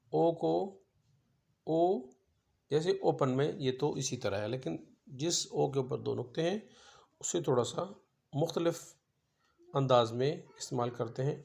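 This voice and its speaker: Gravelly man teaching a language lesson. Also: mid-range voice, a little mellow. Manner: patient, spells out sounds one by one. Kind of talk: slow instructional explanation.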